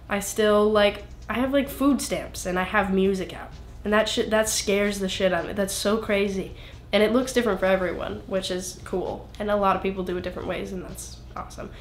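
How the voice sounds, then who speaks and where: A woman's voice: mid-range voice, reverberant. A young woman in her twenties, a singer being interviewed, talking in a rambling, self-interrupting way with lots of fillers. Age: 20s. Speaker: singer-songwriter guest. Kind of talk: casual interview.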